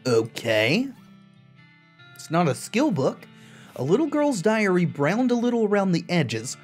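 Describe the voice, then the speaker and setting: A woman playing a video game, reading its text aloud and adding casual commentary of her own. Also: low-pitched. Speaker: video game player and narrator.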